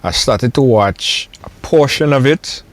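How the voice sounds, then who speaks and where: A man's voice: medium pitch, measured pace. A man hosting a channel, introducing a video and urging viewers to keep watching. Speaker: channel host.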